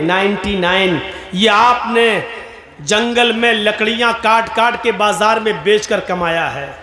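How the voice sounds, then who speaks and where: A man preaching a sermon at a religious gathering, animated and swinging between loud emphasis and soft asides. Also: sits high. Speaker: Islamic preacher. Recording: echoey hall, faint noise.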